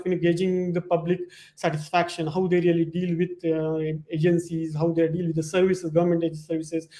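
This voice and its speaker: Halting male presenter, slightly high voice. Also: darkish tone. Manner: hesitant, halting phrasing with frequent repetition and "you know". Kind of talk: informal slide presentation.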